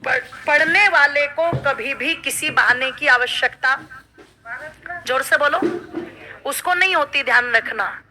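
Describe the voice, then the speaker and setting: Woman preacher, devotional sermon, high and piercingly bright, urges crowd to respond. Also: unhurried, pauses often, slight background noise, low-quality recording. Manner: emphatic, urging the crowd to answer aloud.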